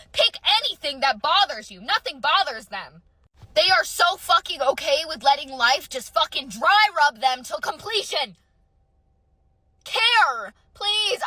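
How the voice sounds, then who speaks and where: A young woman ranting to camera in exasperation, swearing a lot, pleading and bursting into shouts. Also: high-pitched, no room sound, poor audio. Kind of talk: impassioned rant to camera.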